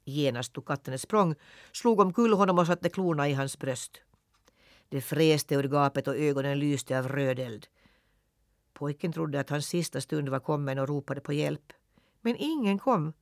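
A man narrating a classic children's story for radio in a lively, expressive reading. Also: a little high, dry recording, studio quality.

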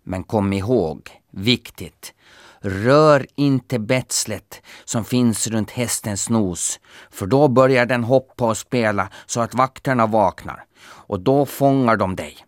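A man's voice: on the low side, no room sound, clean studio sound, natural voice. A man voicing a helpful talking wolf in a storybook, patiently explaining things.

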